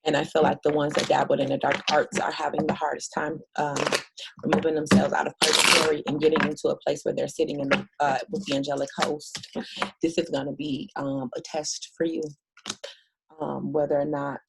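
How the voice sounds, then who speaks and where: A woman's voice: low-pitched, flat delivery, a little fast, creaky, heavy background noise. A woman giving a casual spiritual reading to camera, blunt and profane, with many fillers. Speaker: spiritual reader.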